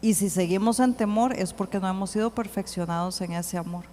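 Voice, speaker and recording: A woman giving an earnest church teaching, slowing to read scripture aloud. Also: medium pitch, mellow, slight background noise. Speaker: church speaker. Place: church hall. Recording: long hall reverb.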